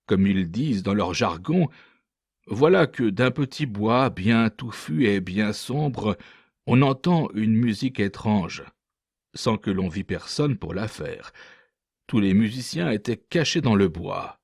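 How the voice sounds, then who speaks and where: A man's voice: on the low side, slow pace, creaky, slightly rough, no echo, studio quality, exaggerated voice. A man voicing a boastful, scornful male ship's interpreter telling a mocking tale in a storybook reading. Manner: lively mocking anecdote-telling.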